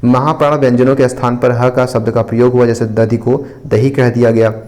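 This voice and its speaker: A man walks through exam material in a steady teaching voice. His tone is warm and mellow at an average pitch, and he keeps circling back to check understanding. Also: brisk. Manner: explanatory, repeats points with frequent "ठीक है". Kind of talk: explaining an exam answer copy.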